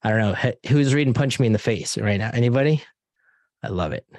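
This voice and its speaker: With a darkish tone and medium pitch, a man moves at a quick pace through a casual motivational sales training online. The studio sound is clean with no room sound. He relies heavily on "like" and calls the audience "guys" and "dude."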